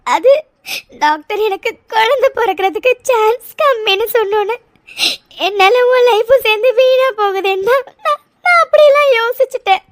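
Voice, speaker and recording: A woman's voice: extremely high pitch, dry recording, studio quality. A woman voicing a weepy, apologetic young wife. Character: remorseful young wife, sweet and clinging. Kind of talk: tearful cartoon drama voice acting.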